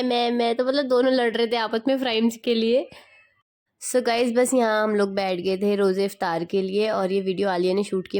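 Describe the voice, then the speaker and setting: A young woman chatting casually to her viewers in a family vlog, sounding sleepy and tired. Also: a little high. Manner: chatty, addresses viewers as guys. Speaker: vlogger.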